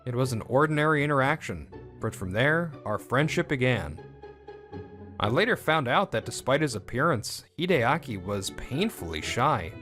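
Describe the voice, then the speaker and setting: A young male actor with a mid-pitched voice narrates his own story as the lead in a comic dub, sounding wounded, bitter, and reflective. The narration is scripted, with music clearly audible beneath it, and his delivery is sing-song at a normal speed with a fairly bright tone.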